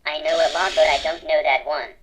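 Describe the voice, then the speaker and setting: A woman's voice: sits low, fairly even intonation, fairly quick, noisy background. A woman's synthetic text-to-speech voice, played through a chatty talking toy's speaker. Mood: chirpy. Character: chatty talking toy robot voice. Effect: toy speaker playback.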